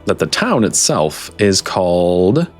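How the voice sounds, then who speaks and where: A man's voice: deep voice, very animated, takes it slowly, faint music behind. A man working as game master, improvising tabletop game narration in an informal, chatty way.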